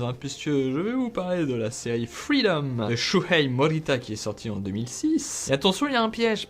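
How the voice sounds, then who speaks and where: A man from France giving a casual, joking spoken review of TV series, talking in slang and turning often to his viewers. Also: high voice. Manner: animated, slangy and joking, with frequent asides to viewers.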